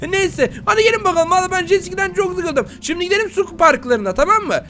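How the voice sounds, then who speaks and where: A man hosting a Minecraft role-play, excitable, shouty and playful as he talks to viewers. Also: very high-pitched, quick pace, slight background noise. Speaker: gaming channel host.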